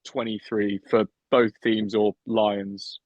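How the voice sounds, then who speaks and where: A man's voice: on the low side, level tone, slow, darkish tone, no room sound. A man chats in a loose, joking way as co-host of a podcast. His audio is slightly muffled. It is also dry, with no room sound. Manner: chatty, jokey and swearing, breaks into laughter. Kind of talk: casual chat.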